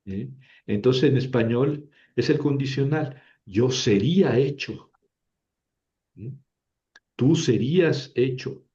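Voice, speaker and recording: A man teaching an Ancient Greek grammar lesson, slowly and patiently repeating each form and checking in with his listeners. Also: medium pitch, warm tone, lo-fi sound.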